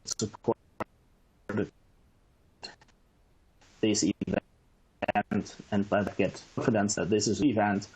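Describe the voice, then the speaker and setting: A man's voice: fairly low pitch, level tone, slow pace, pauses often, a little mellow, breathy edge, poor audio. Man with choppy cutting-out call audio. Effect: connection sound cutting in and out. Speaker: presenter. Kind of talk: webinar talk.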